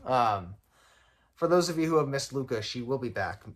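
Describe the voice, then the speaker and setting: A man's voice: medium pitch, expressive, normal speed. Rambling young man reading a podcast. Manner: rambling, self-interrupting, chuckles often. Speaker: podcast host. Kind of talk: casual podcast reading and chat. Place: home.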